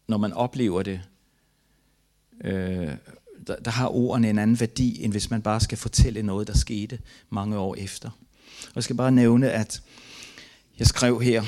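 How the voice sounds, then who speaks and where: An older Danish missionary reads from his own memoir as a testimony, his voice lowish and mellow. The delivery is earnest, heavy with grief, and halting.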